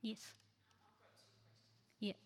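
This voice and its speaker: In an echoey hall with long reverb, a woman whose first language is not English draws out her words while giving a practical, advice-giving slide presentation at a church ministry training. She hesitates frequently.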